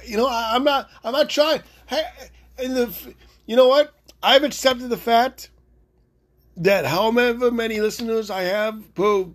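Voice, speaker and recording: A man hosting his own podcast, talking loudly in a rambling, excitable way, often stopping and restarting his sentences. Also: high-pitched. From Italian heritage. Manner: loud, rambling, self-interrupting, excitable. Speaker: podcast host. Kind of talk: solo podcast rant.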